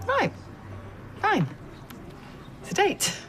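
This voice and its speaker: Soap drama: reluctant woman, slow, wildly varied intonation, hesitant. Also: very high-pitched, huge pitch swings, noisy background, exaggerated voice. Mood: awkward. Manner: hesitant, drawn-out. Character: awkward, reluctant woman among acquaintances.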